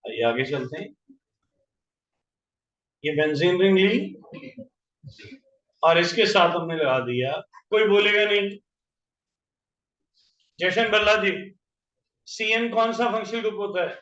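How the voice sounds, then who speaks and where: A man teaching chemistry in a classroom, quizzing students by name and slowly repeating each compound name. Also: high-pitched, a bit bright. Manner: questions students by name, drills terms slowly. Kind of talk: classroom lecture. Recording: roomy, distant, dull lo-fi classroom audio.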